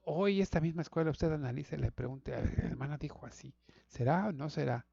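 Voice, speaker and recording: A middle-aged male pastor teaches a Sabbath school lesson to an online audience, speaking conversationally, repeating words, and addressing listeners as brothers. His voice is a little high yet gravelly and dark in tone, brisk in pace, in a dry, lo-fi recording.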